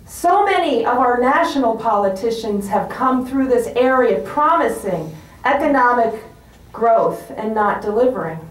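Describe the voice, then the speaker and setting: A woman giving a rousing political rally speech, speaking deliberately in short, emphatic phrases. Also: on the high side, expressive. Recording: roomy echo, distant microphone.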